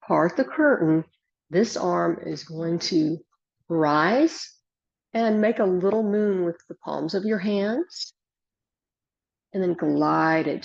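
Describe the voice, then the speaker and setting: A low-pitched woman leads tai chi with serene, unhurried cues for movement and breath. Her voice is husky with a gravelly creak, and she leaves space between short instructions. The recording sounds a bit dull and lo-fi.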